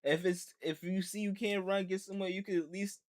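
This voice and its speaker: A man hosting a reaction video who reacts in disbelief, laughing often and breaking into loud outbursts. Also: high-pitched, steady tone, fairly quick. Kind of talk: casual reaction commentary.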